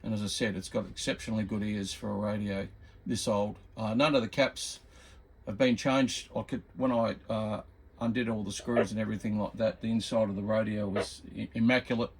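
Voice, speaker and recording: Over loud radio static, noise and CB chatter, a man with a husky, lowish voice gives a casual hobbyist demonstration, presenting informally in a steady tone at a slightly fast clip. The recording quality is low.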